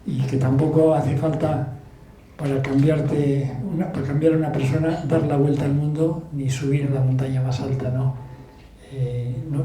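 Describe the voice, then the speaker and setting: A man with a Basque accent, an author telling stories to an audience in a relaxed, laughing way with many restarts. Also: fairly high pitch, slight background noise. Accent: Spanish, Basque. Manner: storytelling with laughs and frequent restarts. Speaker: book author giving a talk. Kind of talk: relaxed anecdotal talk to an audience. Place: club hall with audience. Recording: echoey room, faint ambience.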